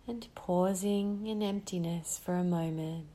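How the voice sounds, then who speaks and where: Slow, soothing woman guiding meditation. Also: on the low side, steady tone, warm tone. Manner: slow, soothing, with long pauses. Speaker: meditation guide. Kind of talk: guided meditation.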